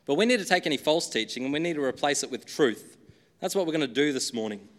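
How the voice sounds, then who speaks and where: Before leading a sung creed, a pastor chats with his congregation in a large church hall, joking self-deprecatingly about his singing as an acoustic guitar plays. His voice is a little high, expressive and fairly bright, and he talks fast.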